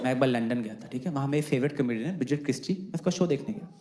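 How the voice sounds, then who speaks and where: A man's voice: medium pitch, racing, heavy background noise. A man with a slight lisp performing a self-mocking stand-up comedy set on stage. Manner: self-mocking, animated storytelling. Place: comedy club stage, roomy hall. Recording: roomy stage recording with loud crowd. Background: loud audience laughter.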